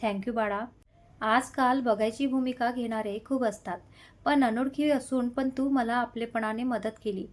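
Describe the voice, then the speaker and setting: A woman voicing a kind, affectionate elderly grandmother who speaks warmly and gives blessings. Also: a little high, fairly even intonation, measured pace, lightly acted. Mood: grateful. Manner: warm, blessing, calls others "child".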